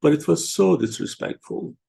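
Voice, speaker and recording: A man from Turkey, hosting a casual online discussion and talking haltingly with many fillers and restarts. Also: fairly high pitch, lively intonation, warm tone. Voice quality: gravelly, husky. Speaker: show host.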